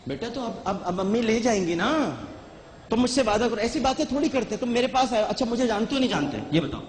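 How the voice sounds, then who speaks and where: High-voiced man hosting a live studio show. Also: lively intonation, a little fast. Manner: coaxing, insistent questioning. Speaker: TV show host. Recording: hall reverb, faint noise.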